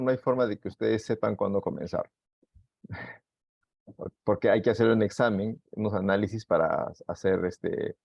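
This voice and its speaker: A man with a Peruvian accent answers questions about care like a doctor, patient and full of fillers. His voice is very low and gravelly. The sound is dull and dry, like a lo-fi online call. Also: no room sound. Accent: Peruvian Spanish. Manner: explanatory, patient, filler-heavy. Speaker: pulmonologist. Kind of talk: medical Q&A talk.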